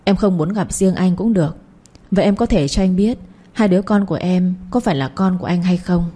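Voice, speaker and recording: A woman's voice: lowish voice, fairly quick, dark tone, breathy edge. A woman reading a persistent middle-aged suitor. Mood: insistent. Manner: pleading, insistent.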